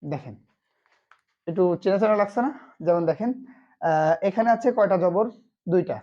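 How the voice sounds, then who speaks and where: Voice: medium pitch, normal speed, mellow, dull audio. A Quran reading teacher giving an online lesson, asking short questions and answering them himself.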